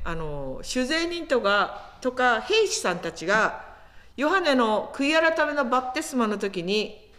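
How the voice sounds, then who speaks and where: Lady pastor giving a sermon, high voice, really lively and animated. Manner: animated storytelling with acted quotes.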